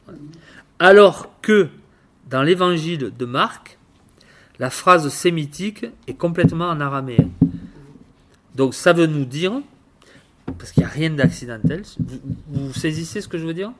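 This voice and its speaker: A man's voice: a little high, lively intonation, slight background noise. A man leads an informal Bible teaching in a slightly raised voice. He halts, repeats words and keeps turning to his listeners with questions. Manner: halting, repeats words, tags phrases with "hein"; addresses listeners directly with questions. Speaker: preacher.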